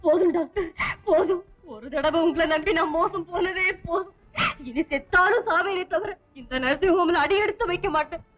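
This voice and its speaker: A woman's voice: high-pitched, lively intonation, normal speed. An actress playing a frightened young pregnant woman, crying and pleading in despair. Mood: sobbing. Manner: pleading, sobbing, desperate. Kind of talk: 1960s film melodrama acting. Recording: dull 1960s film soundtrack with music.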